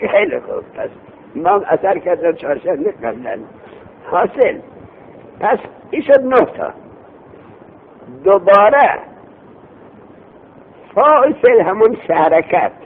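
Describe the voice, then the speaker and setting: A man's voice: creaky, long pauses. A man teaching a classroom lesson, explaining terms over and over and quizzing his students. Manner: lively, repeats terms, asks students questions. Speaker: teacher of Arabic morphology. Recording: tinny phone-like recording with faint rumble.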